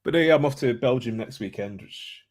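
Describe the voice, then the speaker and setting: A man's voice: medium pitch, fairly quick. A man, chatting casually as a guest and often restarting his sentences. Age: 20s. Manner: hesitant, many restarts and fillers. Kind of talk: casual chat.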